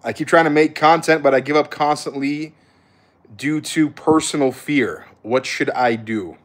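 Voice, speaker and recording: A streamer and content creator with an American accent chats casually on a livestream, answering viewer questions. His fairly high voice moves at a measured pace, and his replies are blunt, slangy, and conversational.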